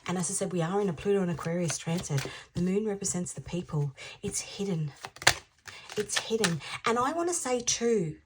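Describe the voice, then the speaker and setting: A woman in her fifties giving an intuitive tarot reading, musing aloud, repeating phrases and sometimes dropping into soft half-whispers. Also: lowish voice, expressive, normal speed, very noisy. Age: 50s. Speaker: tarot reader.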